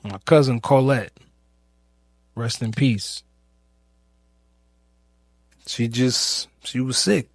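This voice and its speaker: A podcast host delivers a reflective personal monologue, informal and searching, with long pauses, repeated phrases and questions he asks himself. His medium-pitched voice is recorded in clean studio sound with no room noise.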